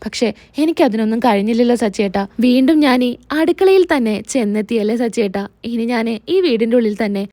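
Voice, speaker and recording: A woman voicing a gentle young wife in a retold serial, speaking in a tearful, pleading way. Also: fairly high pitch, a little fast, dry recording, lightly acted.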